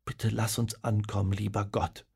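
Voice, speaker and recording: A man's voice: on the low side, flat delivery, moderate pace, gravelly, husky, heavily acted. A man doing a timid anxious boy. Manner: timid, quiet.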